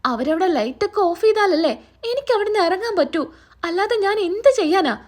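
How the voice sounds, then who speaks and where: A woman's voice: very high voice, lively intonation, fairly quick, a little mellow. A woman reading a frightened hiding man. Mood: fearful. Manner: whining and fearful.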